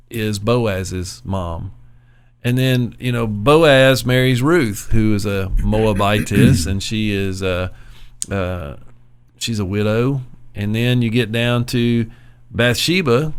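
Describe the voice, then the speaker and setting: A man co-hosting a casual faith podcast, telling Bible stories in a relaxed, conversational way. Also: lowish voice, clear, resonant tone. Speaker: co-host. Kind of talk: casual chat, Bible teaching.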